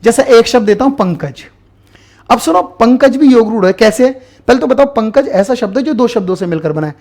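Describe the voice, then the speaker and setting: A man with a fairly high voice teaching an exam-prep grammar lesson as he writes on a board. He goes over the definitions patiently and repeats the key terms. He asks the class a question and then answers it himself. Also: lively intonation, brisk, a little mellow.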